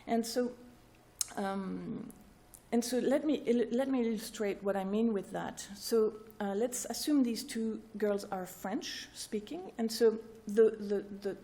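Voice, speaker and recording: A woman's voice: medium pitch, warm tone. A woman researcher giving an academic talk to a room of listeners. She explains step by step and keeps checking in with "right?" and "okay?". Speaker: researcher presenting at a workshop. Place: lecture room with an audience.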